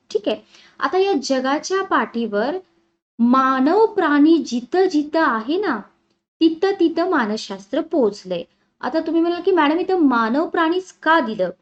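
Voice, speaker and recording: A woman's voice: high-pitched, dull audio. A woman teacher giving an exam-prep lecture. She talks in a conversational way and keeps asking the class questions.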